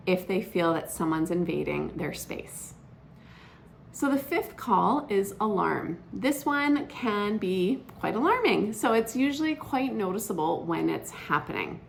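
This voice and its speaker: A woman who is an outdoor educator, explaining a classroom skit in a lively, instructive way. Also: medium pitch, vocal fry, slight background noise. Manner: lively, explanatory teacher talk. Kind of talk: instructional video for teachers.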